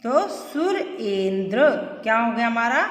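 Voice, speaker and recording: A woman's voice: on the high side, sing-song, slow pace. A woman teacher giving a grammar lesson, explaining step by step and asking the class questions as she goes. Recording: echoey room with long reverb.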